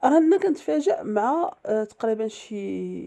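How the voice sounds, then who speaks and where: A woman's voice: fairly high pitch, sing-song, normal speed, vocal fry, mellow. A woman with a Moroccan accent narrating a first-person story in a chatty way, with many fillers and restarts.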